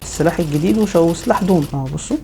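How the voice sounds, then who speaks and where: A man with an Egyptian Arabic accent giving excited live commentary over his own gameplay, piling up quick repeated exclamations. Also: on the high side, gravelly, music in the background. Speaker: gaming video host.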